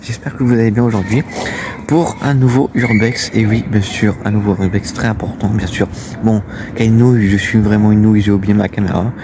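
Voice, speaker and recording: A man's voice: on the low side, steady tone, fairly quick. A young man vlogging casually about an abandoned-building exploration, rambling and repeating filler phrases, recorded outdoors on a phone. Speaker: urbex vlogger. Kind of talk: casual vlog talk to camera. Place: outdoors near an abandoned manor. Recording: loud background noise on a phone recording.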